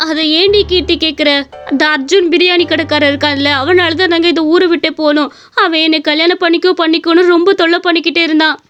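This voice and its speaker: A woman voicing a frightened young woman in a cartoon story, confiding in a hushed, fearful way. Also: extremely high pitch. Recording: dull lo-fi recording.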